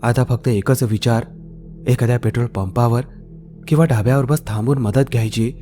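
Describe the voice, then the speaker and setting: Warm-voiced man narrating a horror story. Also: medium pitch, steady tone. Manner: slow, hushed, suspenseful delivery. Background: faint eerie background music.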